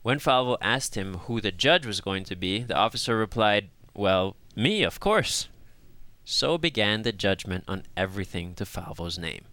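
A man hosting a discussion show, telling a story in a calm, measured way and then talking with his guests. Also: lowish voice, dry recording. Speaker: host. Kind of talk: scripted narration and discussion hosting.

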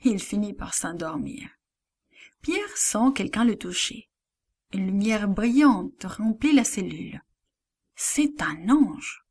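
Slow, expressive woman storyteller. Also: medium pitch, breathy edge. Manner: slow and expressive, with hushed asides. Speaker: storyteller for a children's Bible lesson. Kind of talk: scripted narration for children.

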